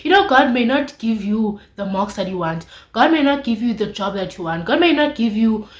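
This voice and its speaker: A woman's voice: fairly high pitch, expressive, moderate pace. A young woman with a South African accent, chatting casually and expressively to viewers in an informal, slangy confessional vlog. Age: late teens, young adult. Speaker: vlogger. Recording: echoey, roomy sound.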